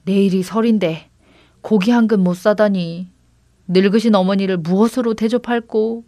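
A woman's voice: medium pitch, normal speed, darkish tone, no room sound, clean studio sound, close to an everyday voice. A woman voicing a poor, kind young woodcutter who talks earnestly and exclaims aloud.

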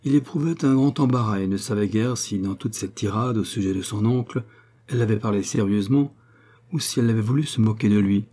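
Mellow, husky male audiobook narrator. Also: on the low side, fairly quick. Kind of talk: scripted narration of a novel.

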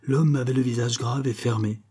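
A man reading a crime novel aloud in a measured, even narration. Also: mid-range voice, husky. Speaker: audiobook narrator.

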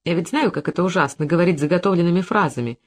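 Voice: mid-range voice, rapid-fire, close to an everyday voice. A reader voicing a playful young woman who teases and coaxes in an audiobook. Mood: teasing. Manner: teasing, coaxing. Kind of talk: audiobook character voice.

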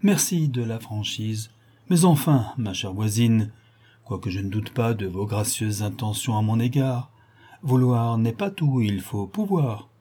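Man doing a snooty vain young gent in a storybook, dark husky voice, fake polite. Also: fairly low pitch, expressive, measured pace. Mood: mock-polite. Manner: affected, disdainful. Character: vain, haughty young gentleman.

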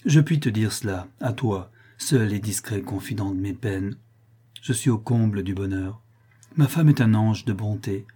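An aristocratic marquis, overflowing with emotion and talking familiarly to his old valet, as a man reading the story puts him on. The tone is dark and husky, with an effusive, heartfelt manner. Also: on the low side, moderate pace. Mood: elated.

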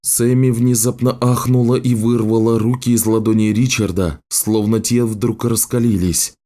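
A man reading a fantasy audiobook as narrator, in a measured, even manner. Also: mid-range voice. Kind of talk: scripted narration.

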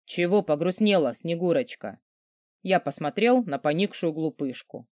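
A man narrating a novel in first person, sardonic and gruff. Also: on the high side, lively intonation, moderate pace, a little mellow, no echo, clean studio sound. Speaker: audiobook narrator.

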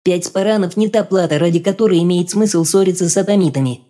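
A man voicing an eerie, detached mutant infant creature with a thin, squeaky, childlike voice in an audiobook. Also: quick pace, close to an everyday voice. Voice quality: squeaky, piping. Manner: flat, detached, terse. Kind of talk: audiobook character voice.

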